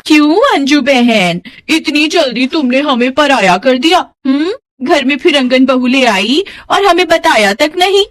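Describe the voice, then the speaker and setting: A woman voicing a nosy neighbor woman who gossips and taunts in a sing-song, drawn-out way. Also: extremely high pitch, sing-song, dry recording, voice pushed up, full character voice. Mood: taunting.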